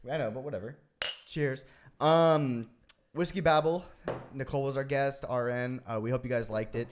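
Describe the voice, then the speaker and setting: A man's voice: medium pitch, moderate pace, slight background noise. A man hosting a casual podcast, telling rambling stories with frequent laughs. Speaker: podcast host. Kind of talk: casual chat.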